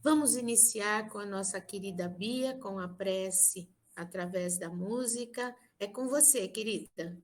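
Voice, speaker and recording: A woman with a Brazilian Portuguese accent opening an online spiritual meeting as host, with gentle, welcoming words. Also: medium pitch, measured pace, few pauses. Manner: gentle, welcoming, addresses listeners affectionately.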